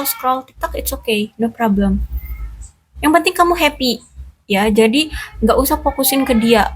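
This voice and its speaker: A woman's voice: fairly high pitch, a bit bright, slightly rough. A woman giving a casual love reading in a chatty, reassuring way, full of fillers. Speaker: tarot reader.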